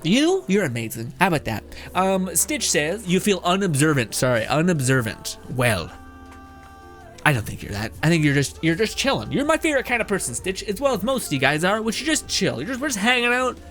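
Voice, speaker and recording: A young man streaming live and chatting casually with his viewers. He talks loosely and swears a lot, laughs often, and sounds a bit hoarse. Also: sits high, huge pitch swings, brisk, fairly bright tone, soft background music. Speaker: game streamer. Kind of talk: casual livestream chat, reading chat aloud.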